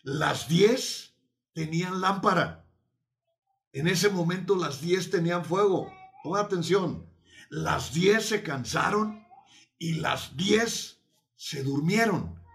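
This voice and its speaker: Emphatic preacher man, slightly high voice. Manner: emphatic, repeats key phrases, slows down to stress points; teaching tone with light jokes. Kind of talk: sermon.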